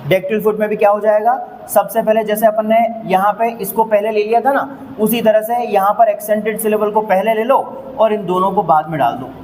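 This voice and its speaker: High-voiced Indian man teaching a lesson. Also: steady tone, a little mellow, in a large hall, a little hiss or hum, low-quality recording. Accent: Indian English. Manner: repeats each point, asks checking questions; reads English definitions slowly, explains in Hindi. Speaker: English teacher. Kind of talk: explaining a lesson on a board.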